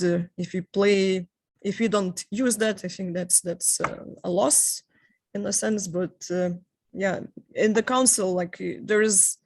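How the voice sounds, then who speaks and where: A woman's voice: medium pitch, no room sound. A woman speaking as a panelist, thoughtful and hesitant, with many fillers. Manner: thoughtful, hesitant, occasional light laughs. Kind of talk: panel discussion.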